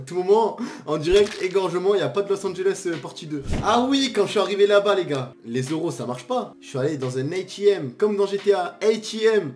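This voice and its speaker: A young man tells travel stories for a vlog, and he talks in a slangy, jokey, animated way with a lot of exaggeration. His voice sits a little high, with light music playing behind him. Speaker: vlogger. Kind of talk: casual storytelling vlog.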